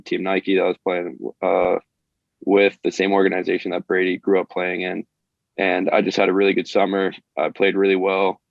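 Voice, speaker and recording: Low-pitched with vocal fry, a young adult college baseball player from Maine, USA, gives hesitant interview answers peppered with fillers and restarts. The recording is dry, dull, and lo-fi.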